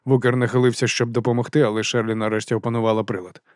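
A man's voice: medium pitch, no room sound. Man narrating an audiobook, dry close sound. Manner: measured, even reading.

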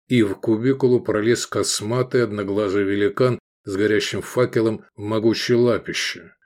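A man reading an audiobook novel in an even, measured way. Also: lowish voice. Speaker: audiobook reader. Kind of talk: scripted narration.

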